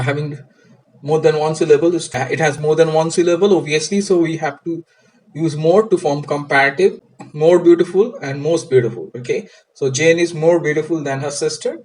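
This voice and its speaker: A man's voice: a little high, darkish tone, low-quality recording. A man teaching an English grammar lesson, explaining patiently and checking in with "right?" as he goes. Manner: patient, repeats "right?" and "crystal clear".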